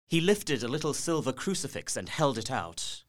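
Narrating his own horror journal, the earnest young gentleman of this audio drama is voiced by an actor in a mid-range, sing-song, natural voice. His delivery is measured, literary and haunted, and the mood is suspenseful.

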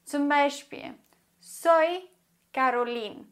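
A woman from Germany teaches a grammar lesson with a high voice. She speaks slowly and enunciates each word with care, like a patient teacher. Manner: slow, carefully enunciated explaining. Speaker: Spanish teacher.

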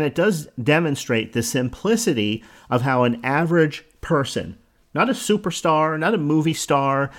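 A middle-aged man from New Jersey with a New Jersey accent, hosting a solo podcast in a conversational, rambling way with self-corrections and asides. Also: medium pitch. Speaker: podcast host.

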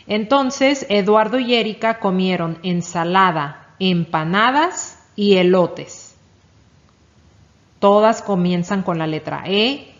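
Slow, patient woman teaching children. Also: mid-range voice. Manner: patient, encouraging, asks and praises. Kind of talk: children's reading lesson. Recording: dull lo-fi recording.

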